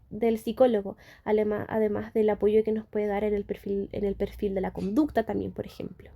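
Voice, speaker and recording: A woman's voice: high voice, warm tone. A young woman giving a lecture to students, explaining step by step and checking in with short questions. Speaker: speech therapy lecturer.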